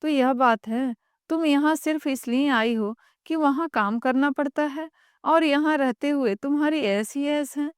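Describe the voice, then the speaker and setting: A woman's voice: high-pitched, a little slow, no room sound, studio quality. A woman voicing an overworked young wife who speaks out in an indignant, raised voice.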